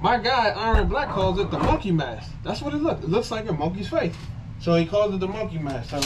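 A man's voice: high-pitched, animated, fairly quick. Man talking through a gas mask. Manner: laid-back, rambling, repeats himself. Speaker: vlogger reviewing gear. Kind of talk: casual product demo. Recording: distant mic with clear background noise.

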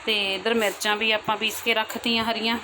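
A woman's voice: fairly high pitch, flat delivery, brisk, noisy background. A young woman and mother chatting casually to her viewers at home in a daily vlog, talking loosely in long run-on sentences. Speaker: family vlogger, mother. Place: at home, indoors.

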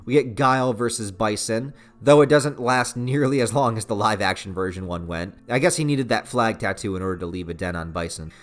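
A thirties-aged American man with a lowish voice narrates a casual, opinionated video review, talking a little fast with few pauses. His delivery is informal, enthusiastic and full of slang, with background music playing.

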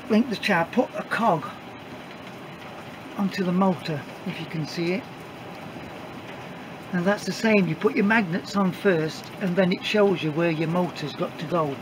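A man's voice: high-pitched, background noise. A middle-aged man casually walks through his homemade build in a workshop, rambling and plain-spoken with many uhs and restarts. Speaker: DIY maker showing a build. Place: workshop indoors. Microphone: camera mic, filming own hands off-camera.

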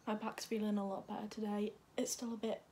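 A woman's voice: mid-range voice, little pitch movement, fairly quick, dark tone. Chatty young woman in an echoey room. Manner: chatty, rambling, many fillers like "like" and "um". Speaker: vlogger. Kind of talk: casual vlog chat. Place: bedroom at home. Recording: echoey room, faint noise.

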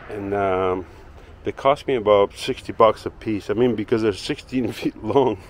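In a fairly low voice at normal speed, a man holding his own camera shows his backyard garden and then his indoor workshop for his woodworking channel. The talk is loose, relaxed and rambling, heavy on fillers. A little hiss or hum can be heard.

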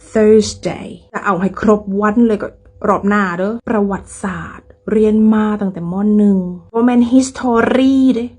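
Breathy woman with Isan Thai accent. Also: medium pitch, darkish tone. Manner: playful, teasing, mixes in dialect. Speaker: English pronunciation teacher. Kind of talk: casual video lesson.

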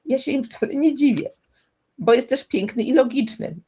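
A woman's voice: high-pitched, moderate pace, darkish tone, husky. A woman speaking as a guest expert in a conversational interview, explaining emphatically and restarting often.

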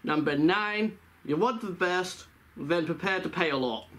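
Man, talking through a costume head, slightly high voice, casual tips video, rambling and self-correcting. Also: a little slow, a bit bright. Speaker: fursuit vlogger.

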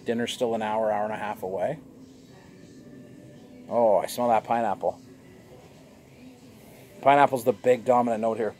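A jovial, chatty man with a lowish voice reviews a beer for his vlog on a sunny outdoor patio, gesturing animatedly. He talks at normal speed but pauses often, and a fixed camera across the table picks up slight background noise.

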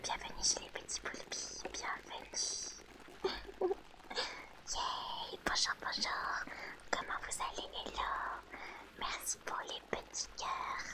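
A woman whispering softly to her audience in ASMR style, reading out chat names and answering them gently. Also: slow, long pauses. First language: French.

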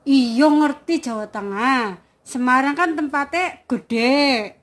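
A woman's voice: high voice, slow pace. A young woman from Brebes in Java, a caregiver patiently repeating her questions in casual chat. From Brebes, Central Java, Indonesia.

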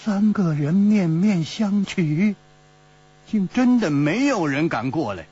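A man narrating a martial-arts tale in pingshu storytelling style, with a dramatic, expressive delivery. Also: high voice, takes it slowly, husky. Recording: dull lo-fi recording with mains hum.

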